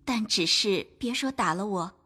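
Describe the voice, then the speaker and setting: A woman playing a gentle, forbearing young head maid in an audio drama, speaking softly and patiently. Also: mid-range voice, animated, quick pace, breathy edge, soft background music.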